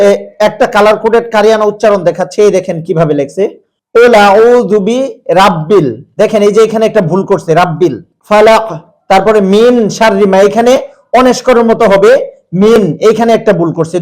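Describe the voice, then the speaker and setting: A man demonstrates printed pages to readers, pointing out errors and reading recited lines slowly. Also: very high-pitched, rough recording. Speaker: publisher's presenter. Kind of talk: product demonstration.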